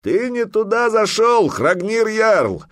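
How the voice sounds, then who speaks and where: A man's voice: medium pitch, very animated, moderate pace, a bit bright, no room sound, clean studio sound. A man voicing a huge gray-bearded old warrior chief who taunts and bellows. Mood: defiant.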